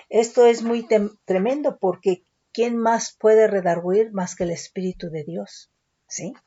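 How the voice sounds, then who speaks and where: Woman Bible-study teacher, mid pitch, methodical, checks in with "right?", muffled lo-fi sound. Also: warm tone. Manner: explains words step by step, asks "¿sí?" and "¿verdad?" often. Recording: dull lo-fi recording.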